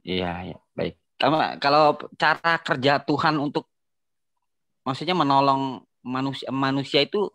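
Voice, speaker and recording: A man's voice: medium pitch, lively intonation, unhurried, pauses often, a bit bright, no echo. A man asking the pastor a polite, slightly hesitant question. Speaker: questioner in the session.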